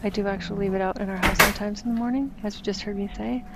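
A woman narrates her own travel footage in a relaxed, joking way, poking fun at herself as she goes. Her pitch stays fairly flat and even. A clear layer of background noise runs under the voice. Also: rapid-fire. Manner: chatty, self-mocking. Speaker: vlogger. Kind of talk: casual voice-over narration.

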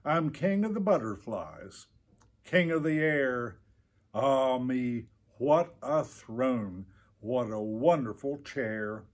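Storybook turtle king a male reader: tyrannical, boastful, bellowing, slow and grandiose, slightly husky. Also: medium pitch, a little mellow. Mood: boastful delight.

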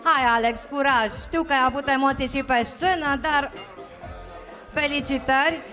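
A high-voiced woman holding a handheld mic emcees a karaoke awards night on the stage of a rock cafe, announcing winners live. She's lively and rallies the crowd to applaud, with soft music in the background.

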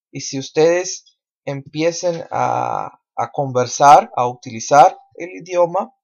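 A man whose first language is Portuguese, teaching pronunciation in an online lesson, slowly repeating syllables for the listener to echo. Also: mid-range voice, creaky, darkish tone, lo-fi sound.

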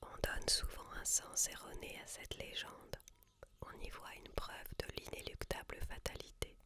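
A woman reading a book aloud in a soft, unvoiced library whisper, with slow, measured and deliberate phrasing. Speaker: reader.

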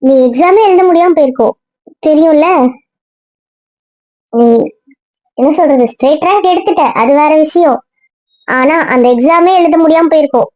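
A woman's voice: sits high, normal speed, long pauses, darkish tone, dry recording, natural voice. A woman playing a nosy, teasing young friend who keeps asking prying questions. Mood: probing. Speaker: friend and colleague.

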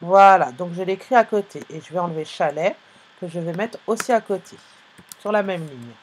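A woman with a lowish voice patiently teaches phonics to young children in a live online lesson, speaking slowly and clearly as she spells out sounds and letters. A slight hiss or hum runs under the audio.

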